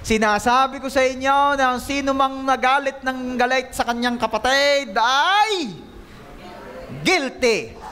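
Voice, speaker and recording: A man's voice: very high-pitched, unhurried, sharp tone, a little hiss or hum. A male pastor giving a sermon in a playful, joking way, teasing his congregation as he talks. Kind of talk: conversational sermon. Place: church service.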